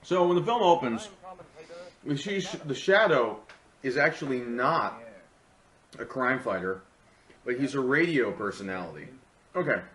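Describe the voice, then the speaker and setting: This video host reviews a film in a casual, funny way, his medium-pitched, fairly bright voice animated yet measured, with long pauses. His commentary is sarcastic and overblown for laughs, heard through roomy echo over music.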